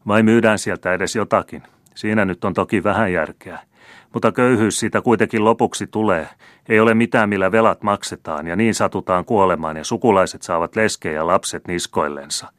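A man voicing a scornful, grasping old rich merchant who scolds loudly in an audiobook reading. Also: low-pitched, no room sound, studio quality, pitched above the performer's own voice, close to an everyday voice. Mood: scolding. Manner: contemptuous, grasping, rising to loud scolding.

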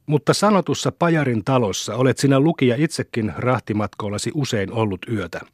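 A man reading an audiobook in steady storybook narration. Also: medium pitch, no room sound, clean studio sound. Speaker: audiobook reader. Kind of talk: scripted narration.

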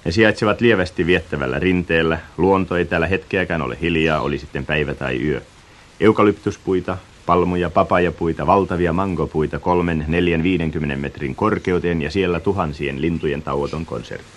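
A man narrating a radio travel reportage in a measured, descriptive and reflective way. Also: deep voice.

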